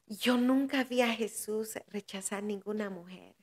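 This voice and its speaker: Slow, earnest older woman preacher. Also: mid-range voice. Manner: earnest, slow testimony with heartfelt swells. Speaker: guest preacher. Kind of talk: podcast interview.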